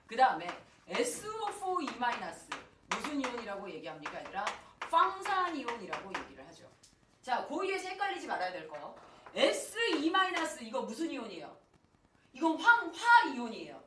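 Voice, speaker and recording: A woman in her thirties teaching high school chemistry, her pitch swinging up and down as she talks. She keeps firing questions at the class and answering them herself, breaking off into a personal story. She sounds a little distant in a reverberant room with faint ambient noise. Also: wildly swooping pitch, normal speed. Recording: echoey room, far from the mic, faint ambience.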